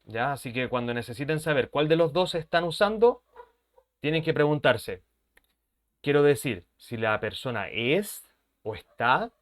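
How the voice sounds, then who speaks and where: A Chilean English teacher in his 30s explains a language lesson in an animated, mid-range voice, unhurried. He is patient, repeats his points, and keeps checking that his students are following.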